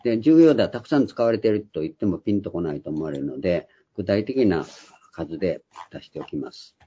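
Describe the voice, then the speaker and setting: A man's voice: low voice, expressive, brisk, warm tone, a little hiss or hum. An older man giving a Bible study lecture, explaining patiently with frequent hesitant fillers, in a dull lo-fi recording. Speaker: Bible teacher.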